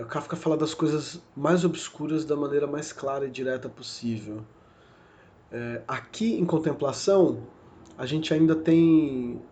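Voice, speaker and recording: A mellow, dark-voiced man with a Brazilian Portuguese accent lectures on literature for a recorded course. He talks in a reflective, searching way at a middling pitch, pausing on fillers and correcting himself as he goes. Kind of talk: recorded university lecture podcast.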